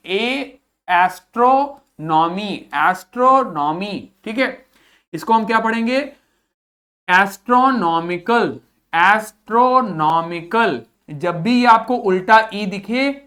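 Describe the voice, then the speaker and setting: A man's voice: sits high, a bit bright. A man teaching an online English vocabulary lesson in Hindi mixed with English. He repeats each word several times to drill its pronunciation.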